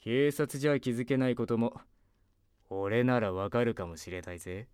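A man's voice: medium pitch, moderate pace, darkish tone, smooth, no room sound, clean studio sound, close to an everyday voice. A man playing a laid-back, wry private detective in an audio drama, talking in a cool, casual noir manner. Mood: cool, bargaining.

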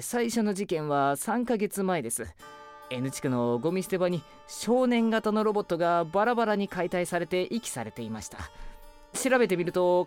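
A woman's voice: lowish voice, a little mellow. A woman playing a deferential, nervous rookie police subordinate in an audio drama, formal and hesitant with a slight stammer.

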